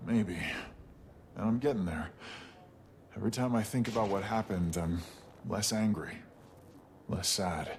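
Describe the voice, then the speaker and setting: An actor playing an earnest, gentle young male warrior in a video game, halting and modest. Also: lowish voice, slight background noise. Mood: reflective.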